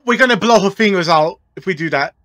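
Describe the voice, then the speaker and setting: A man's voice: high-pitched, expressive, fast talker, sharp tone. A man doing casual, slangy gameplay commentary, talking to the characters on a close microphone. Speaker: gaming streamer.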